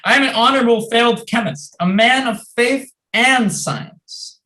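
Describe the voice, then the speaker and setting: A woman's voice: fairly high pitch, unhurried, pushed and bright. Woman playing a pompous, eccentric mad chemist. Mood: grandiose, defiant. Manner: pompous, theatrical declaiming. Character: grandiose eccentric male failed chemist, villainous worm master. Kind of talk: comic stage-play acting.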